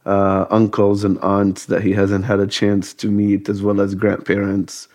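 Flat-voiced man answering an interview. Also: fairly low pitch, measured pace. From grew up in Saudi Arabia and Gaza. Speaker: interview guest. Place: home.

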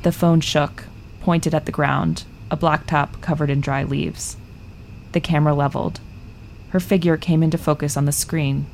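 Female narrator, deep with vocal fry, measured scripted news storytelling. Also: slight background noise. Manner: measured, even storytelling delivery.

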